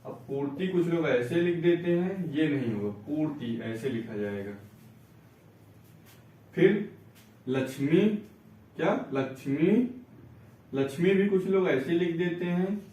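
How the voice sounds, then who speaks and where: A man teaching Hindi spelling, explaining patiently and repeating each word slowly, asking and answering his own questions. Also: on the high side, dark tone, recorded from a distance. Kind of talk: spelling and reading lesson. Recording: echoey room, voice away from mic.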